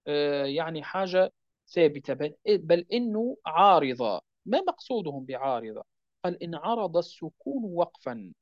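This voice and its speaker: A man teaching the rules of Quran recitation step by step, checking with his listeners and chanting the verse examples slowly. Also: fairly high pitch, no echo. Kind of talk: religious lesson explaining recitation rules. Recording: dull, dry lo-fi recording.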